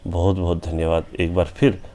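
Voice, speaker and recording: A man from India who hosts a channel, reciting his own poem with repeated refrains and then talking about it plainly, pausing on "a" fillers. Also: low voice, level tone, dark tone, slight background noise. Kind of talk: poetry recitation with spoken commentary.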